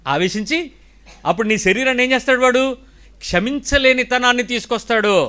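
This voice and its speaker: A male preacher with a Telugu accent and a notably high voice delivers his sermon with vigor. He keeps prodding the congregation with rhetorical questions and emphatic turns. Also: fairly bright tone.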